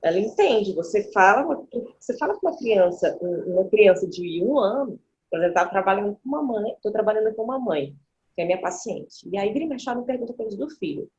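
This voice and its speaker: A woman speaking as a guest, explaining child development in animated conversation and acting out the voices she quotes. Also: mid-range voice, fast talker. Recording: dull lo-fi sound.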